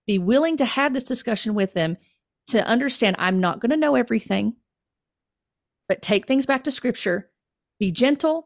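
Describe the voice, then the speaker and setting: A woman's voice: fairly high pitch, no room sound. Earnest woman co-host, dry sound. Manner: earnest, with frequent restarts. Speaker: podcast co-host. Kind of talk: casual theological discussion.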